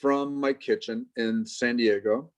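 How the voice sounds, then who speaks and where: Lively storytelling man on a video call. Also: medium pitch. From Chicago, United States. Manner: lively storyteller, quick asides and jokes. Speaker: guest, professor. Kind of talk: casual interview over video call.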